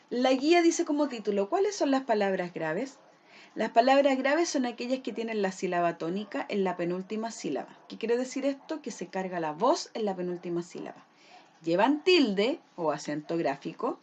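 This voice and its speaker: A woman's voice: mid-range voice, highs cut off. A woman teacher explaining a lesson patiently, often checking that her pupils follow. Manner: patient, checks understanding with frequent "¿ya?".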